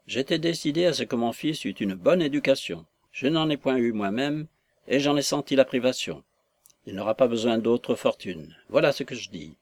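An ailing older mill owner, confused and quick to flare up, as a male narrator reads him. He talks in short, abrupt bursts in an audiobook reading, at a middle pitch. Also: animated, no echo, natural voice. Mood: agitated.

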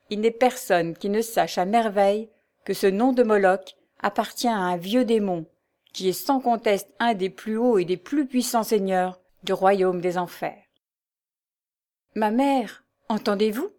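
Woman reader, classic novel narration, even and dramatic. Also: medium pitch. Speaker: audiobook reader.

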